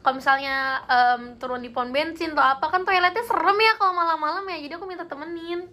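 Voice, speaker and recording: Young woman streaming live, high voice, chatty n giggly, spooky story time. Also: quick pace, bright, forceful tone. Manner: chatty and giggly, reads comments aloud. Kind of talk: casual chat with viewers, telling ghost stories.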